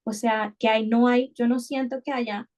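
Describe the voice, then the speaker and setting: A woman's voice: a little high, fairly even intonation, moderate pace, darkish tone. A woman hosting a conversation. She speaks thoughtfully, often restarting and repeating words as she works through an idea. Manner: thoughtful, many restarts and repetitions. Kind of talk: reflective conversational podcast talk.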